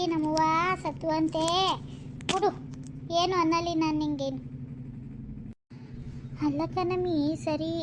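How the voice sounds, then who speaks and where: A woman performs a village gossip comedy skit in a very high voice. She voices several women who chatter and trade shouted insults. A faint hiss sits under the voice.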